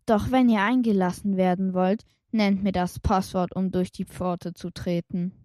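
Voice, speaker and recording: A woman's voice: medium pitch, fairly even intonation, unhurried, mellow, no room sound, clean studio sound, natural voice. A woman voicing a stern female gatekeeper who demands a password at the gate of a ghost town, speaking in a commanding way.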